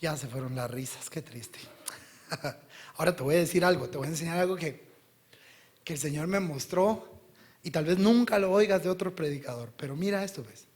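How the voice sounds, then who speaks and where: A male pastor preaching a sermon, talking directly to the listener and swinging between loud bursts and hushed lines. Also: on the high side, a little fast.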